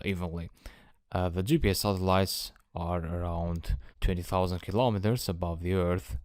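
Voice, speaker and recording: A man with an Eastern European accent giving an explanatory lecture as an instructor, in a measured, methodical manner. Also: sits low, darkish tone, no echo, clean studio sound.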